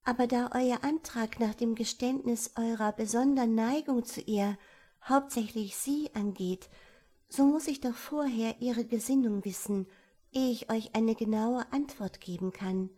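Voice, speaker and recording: A woman voicing a courteous, soft-hearted elder sister in a storybook reading. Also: fairly high pitch, measured pace, pitched above the performer's own voice. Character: gentle, sensible elder sister, tactful.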